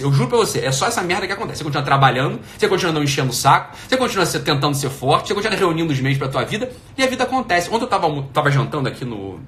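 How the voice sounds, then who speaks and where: A man's voice: on the high side, a bit bright. A middle-aged man giving an emphatic, profane motivational talk, firing off rhetorical questions. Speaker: motivational speaker.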